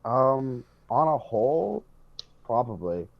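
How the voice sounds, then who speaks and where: A podcast panelist chats casually about a hobby, rambling and rephrasing as he goes. His medium-pitched voice is gravelly, slow and sing-song, captured on a dull, close, dry lo-fi voice track with no room sound.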